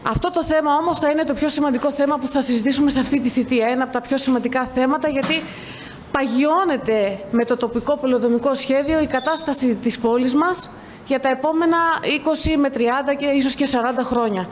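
A woman council member making an earnest, measured speech at a municipal council meeting. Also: high voice, slight background noise.

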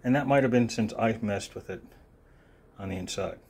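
Here a man with a lowish, husky, somewhat dark voice walks through a gadget on camera, the phone held close to his hands. He speaks casually and without a script, pausing and thinking out loud in an offhand way.

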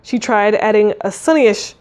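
A woman's voice: medium pitch, normal speed, a little mellow. A woman reading a fantasy novel aloud, narrating expressively and voicing the dialogue. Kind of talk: audiobook reading.

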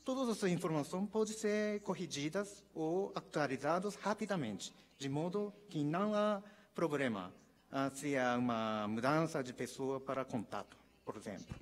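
A man presents formally at a conference with a clear Japanese accent. His voice sits a little high for a man, and he moves through his points haltingly, as a non-native speaker. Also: lively intonation. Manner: halting, hesitant. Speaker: trade promotion speaker. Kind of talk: formal conference presentation in Portuguese as a second language. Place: conference hall stage.

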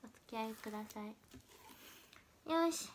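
Young female idol streamer, high-pitched and stuffy-nosed, casual chatty livestream, lilt, faint hiss behind. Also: unhurried. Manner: forced high energy, chatty. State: stuffy with a runny nose. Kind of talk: casual livestream chat while crafting.

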